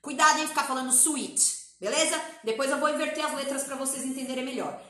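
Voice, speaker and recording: A woman from Brazil teaching an English lesson in a lively, chatty way, repeating words and phrases for her students. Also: high-pitched, fast talker, echoey room. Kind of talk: lively classroom-style language lesson.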